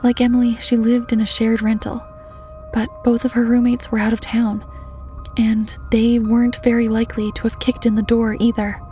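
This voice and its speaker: In a scripted narration of a horror story, a woman with a voice on the high side reads in a steady, measured way, often dropping to a hushed near-whisper. Faint music plays behind her.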